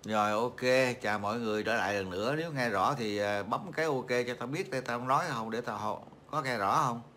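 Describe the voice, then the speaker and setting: A man's voice: medium pitch, fairly quick, pushed and bright. A middle-aged man from Vietnam hosting a casual livestream chat, rambling and mocking, with many fillers and repeated words. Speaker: livestream host.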